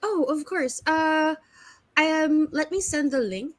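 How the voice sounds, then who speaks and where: A woman's voice: sits high, takes it slowly, no room sound, low-quality recording. A woman, narrating as dungeon master in a casual, hesitant way with many fillers and self-corrections. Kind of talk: narrating a tabletop game.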